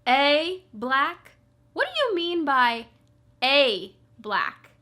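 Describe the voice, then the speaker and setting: A bright, high voice belongs to a self-righteous daytime TV judge, played by a woman. She lectures and scolds in a preachy, easily offended way, as in a comic radio sketch. The tone stays crisp and pointed. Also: lively intonation, measured pace, exaggerated voice. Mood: scolding.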